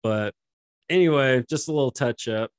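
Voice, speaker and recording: A man's voice: medium pitch, moderate pace, no echo. A man co-hosting a casual sports podcast, rambling and laughing often as he talks. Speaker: podcast co-host.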